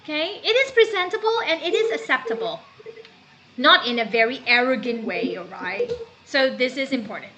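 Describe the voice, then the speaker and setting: A woman's voice: high voice, normal speed, dull audio, crowd noise. A woman from Myanmar teaching a class, asking her students questions as she goes and slipping into Burmese now and then. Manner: animated, asks students questions, switches into Burmese. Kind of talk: classroom lesson.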